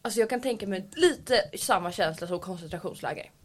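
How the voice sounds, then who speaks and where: Woman, podcast co-host, animated storytelling, acts out quoted voices, frequent swearing. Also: medium pitch. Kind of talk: casual storytelling chat.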